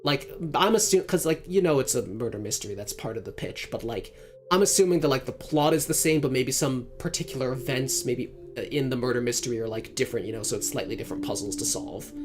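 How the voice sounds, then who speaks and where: Host of a let's-read stream, mid-pitched, rambles with constant fillers, faint music in the back. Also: fast. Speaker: streamer reading a visual novel. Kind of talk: casual let's-play chat and reading.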